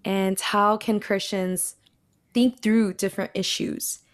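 A woman's voice: mid-range voice, steady tone, slow pace, no room sound. A young woman from the Pacific Northwest co-hosting a podcast in a casual, friendly chat, laughing easily. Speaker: podcast co-host.

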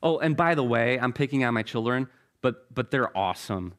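A middle-aged pastor with a medium-pitched, animated voice preaches at a normal pace. He keeps things casual and conversational, joking about himself and often repeating words as he begins phrases again.

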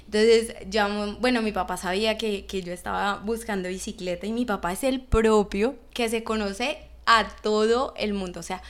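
A young woman telling a personal story in a casual, animated way, acting out the voices of the people in it. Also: medium pitch, moderate pace, hardly any pauses. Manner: animated, acts out voices of others. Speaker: vlogger.

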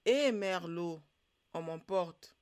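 A storyteller voicing a frightened captured catfish that cries out and pleads, slowly and loudly. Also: mid-range voice, monotone, clear, resonant tone, close to an everyday voice. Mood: wailing. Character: wailing captured catfish, fearful and lamenting.

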